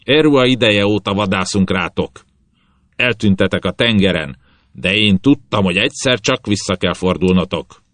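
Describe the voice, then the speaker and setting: A man's voice: lowish voice, fairly bright tone, dry recording, voice pushed up, natural voice. A man voicing a cruel, blustering old sea captain. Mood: scornful. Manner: menacing, blustering, hisses threats. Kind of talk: audiobook character voice.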